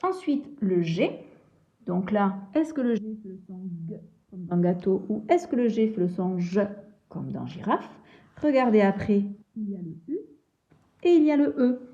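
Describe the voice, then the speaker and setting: A woman teacher slowly and patiently explaining a reading lesson to young children. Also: medium pitch, very animated, mellow, dull audio. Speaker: schoolteacher.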